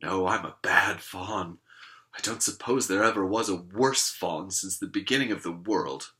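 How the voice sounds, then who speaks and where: A man's voice: lowish voice, expressive, a little slow, pushed and bright, full character voice. A man voicing a tearful, guilt-ridden male faun who talks mournfully between sobs. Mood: sobbing. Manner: sobbing, mournful.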